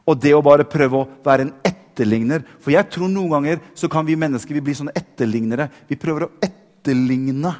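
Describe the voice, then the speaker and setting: A male preacher delivers a sermon in a fairly high voice, repeating words as he presses his point and growing more fervent. His voice carries a long reverb from a large church hall. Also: hardly any pauses, darkish tone.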